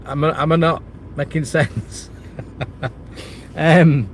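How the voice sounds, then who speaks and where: A middle-aged man who hosts a property channel chats on a livestream, reading viewer comments while suffering from a cold and chest infection. His voice sits on the high side and moves very slowly, full of restarts and fillers as he rambles. Slight background noise is audible.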